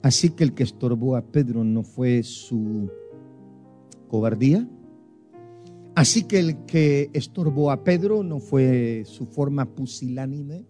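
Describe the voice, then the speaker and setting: A man preaching a sermon, emphatic, with big swings in pitch and loudness as he stresses points. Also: slow pace, faint music behind. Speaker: pastor.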